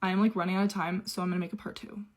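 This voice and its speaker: A woman's voice: lowish voice, flat delivery, racing, a little mellow. A young woman telling a personal story in a casual, chatty way, full of "like" fillers. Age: young adult. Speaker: au pair telling her story.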